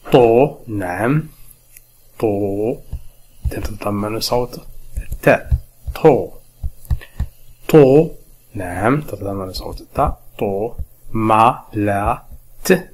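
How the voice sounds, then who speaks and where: Patient man teaching reading slowly. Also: fairly low pitch. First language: Arabic. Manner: patient, repeats each word slowly, asks and answers himself. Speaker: French teacher. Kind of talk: slow step-by-step reading lesson.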